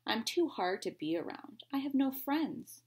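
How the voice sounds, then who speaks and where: Woman reading as husky, earnest little porcupine. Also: sits high, big pitch swings, unhurried, voice pushed up, exaggerated voice. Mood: downcast. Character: lonely, gentle young male porcupine.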